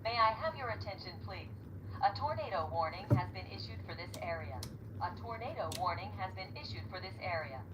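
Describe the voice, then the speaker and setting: A woman giving a calm, formal, scripted emergency announcement, played over a PA loudspeaker. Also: lowish voice, fairly quick, highs cut off. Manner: calm, formal, evenly paced. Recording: distant loudspeaker with clear background noise.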